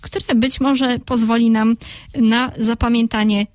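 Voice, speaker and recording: Woman on a radio language slot, lots of ums between phrases, a bit high voice, dry sound. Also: level tone, slow, a little mellow, no room sound. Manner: hesitant, with frequent filler sounds. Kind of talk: explanatory talk on language.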